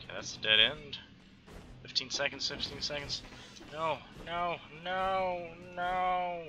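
Speaking fairly high and in a level tone, a Texan gaming channel host in his thirties gives headset commentary on his gameplay with a light accent. He keeps up a stream of quick exclamations and self-talk.

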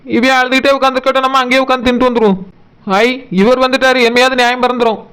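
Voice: sits high, flat delivery, racing, a bit bright, smooth. A voice actor playing a hungry, grumbling village woman with a Tirunelveli Tamil accent, complaining about the food going cold. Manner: grumbling, comic. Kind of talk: cartoon voice acting.

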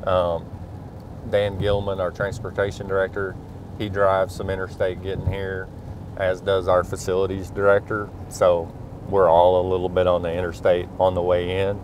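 At night in his truck, a middle-aged school superintendent chats casually, thinking aloud with frequent fillers. His low, slightly mellow voice is delivered completely flat at a normal speed, with faint engine and road noise behind it.

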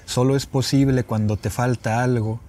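This young adult man from Chihuahua speaks with a northern Mexican accent, presenting and reading his poems on an open patio with wooden furniture. His mid-range voice is mellow, with fairly even intonation and a moderate pace, and a slight hiss or hum runs underneath.

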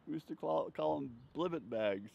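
With a fairly high, gravelly, darkish voice and lively intonation, an older man recounts his life in chuckling, rambling stories at normal speed. The interview takes place on an outdoor bench, recorded on a handheld furry-windscreen mic near his chest, so the sound is a bit dull with faint noise from outside.

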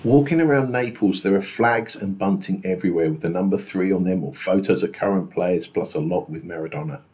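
A man narrating his travel vlog in a scripted voice-over, measured and unhurried. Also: deep voice, a little mellow, faint music behind. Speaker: travel vlogger.

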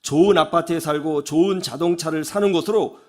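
A male pastor giving a radio sermon, telling stories in an animated way and acting out the people he quotes. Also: on the high side, fairly quick. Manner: animated storytelling, acts out quoted voices. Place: radio studio.

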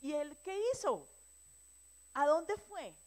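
A woman sharing earnestly with her church prayer group, telling a story with lively rhetorical questions. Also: high-pitched, takes it slowly, rough recording. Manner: earnest, animated storytelling with rhetorical check-ins.

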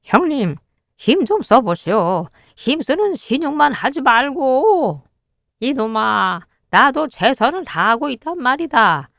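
Cartoon old hermit men voiced by a woman, bickering, drawn-out whine. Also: sits high, big pitch swings, fairly bright tone, no echo, clean studio sound, exaggerated voice. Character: two quarrelsome old male mountain hermits. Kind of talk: storybook cartoon voicing.

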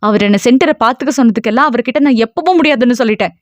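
A woman's voice: on the high side, racing, no echo, natural voice. A woman voicing an angry, hurt young woman who scolds fiercely. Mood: furious.

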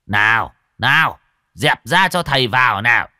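A man's voice: medium pitch, expressive, moderate pace, bright, forceful tone, dry recording, clean studio sound. A man voicing a crude, grumbling old exorcist. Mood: gruff. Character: old male village exorcist, gruff and greedy.

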